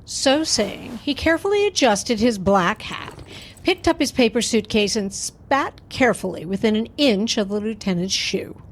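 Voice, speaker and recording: A woman narrating a radio drama with clear, measured storytelling. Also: a little high, animated.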